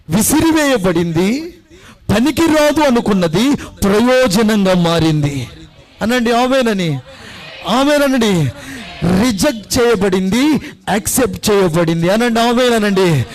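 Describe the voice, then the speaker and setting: High-voiced male preacher getting fired up, repeats lines, keeps asking the crowd for amens and applause. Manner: fervent, rising to loud exclamations, calls for amens and applause; repeats phrases for emphasis. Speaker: pastor. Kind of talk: sermon.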